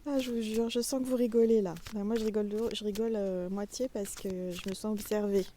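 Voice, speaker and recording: A woman's voice: medium pitch, fairly even intonation, fast, mellow, slight background noise. A woman giving a casual, chatty tarot reading outdoors in front of a castle, talking straight to her viewers. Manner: chatty, addresses viewers as little stars. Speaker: tarot reader.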